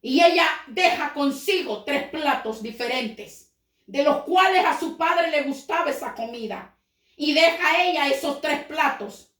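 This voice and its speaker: A woman preacher telling a parable as a sermon, slowing down for dramatic moments and acting out the quotes. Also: high voice, expressive, fairly bright tone, reverberant. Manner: storytelling with dramatic slowdowns and acted quotes.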